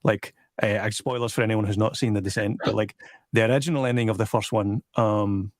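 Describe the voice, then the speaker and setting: A man's voice: lowish voice, fairly even intonation, brisk, no room sound, studio quality. A man with a Scottish accent chatting casually about films, hesitating and repeating words as he goes. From Scotland. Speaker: YouTube film discussion panellist. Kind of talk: casual film chat.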